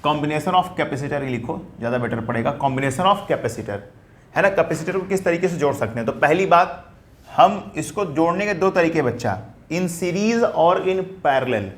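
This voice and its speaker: A man's voice: a little high, animated. A male physics teacher lecturing a class, addressing students fondly and asking and answering his own questions. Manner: dictates notes slowly in English.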